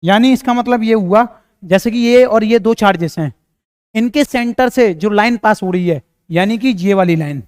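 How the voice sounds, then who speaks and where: A man's voice: high-pitched, smooth, no echo, studio quality. A young man teaching physics in a casual, chatty lecture, talking straight to his students and joking with them. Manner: chatty, jokey, addresses students directly.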